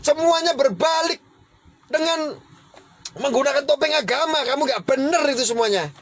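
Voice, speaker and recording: A man's voice: very high-pitched, fairly quick, a bit bright. A man hosting his own livestream, delivering a heated, confrontational rant that challenges and scolds his critics. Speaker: livestream host.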